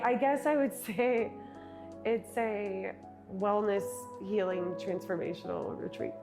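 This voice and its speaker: A woman speaking as an interview guest, reflecting earnestly on her work as a speaker and retreat host, sometimes speeding up and sometimes slowing down. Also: medium pitch. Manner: earnest, with quick and slow stretches, laughs easily.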